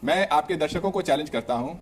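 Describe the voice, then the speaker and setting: Fast scolding man in a TV debate. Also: a little high, lively intonation. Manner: repetitive, scolding, interrupting. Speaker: opposition party spokesperson. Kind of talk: heated TV debate.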